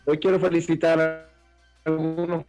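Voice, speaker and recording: A man's voice: fairly high pitch, flat delivery, moderate pace, music in the background. A man reporting the markets over a remote call into a radio show, with the connection breaking up and cutting out. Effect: call connection breaking up, dropping out. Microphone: remote call line into the studio.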